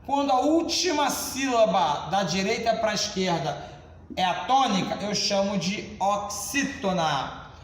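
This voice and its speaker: A Brazilian man teaching a grammar lesson at the board, explaining slowly and addressing the class as "senhores.". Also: sits high, lively intonation. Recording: echoey classroom, reverb.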